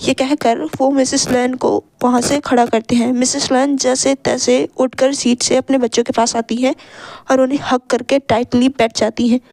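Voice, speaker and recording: High-voiced woman storyteller, dry close sound. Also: moderate pace, no echo. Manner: steady, descriptive storytelling. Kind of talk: fan story narration.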